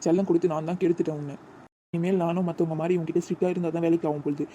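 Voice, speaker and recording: A man's voice: on the high side, flat delivery, very fast, mellow, muffled recording, a little hiss or hum, close to an everyday voice. A man voicing a strict but loving village father in a cartoon, scolding his daughter. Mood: stern. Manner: stern scolding.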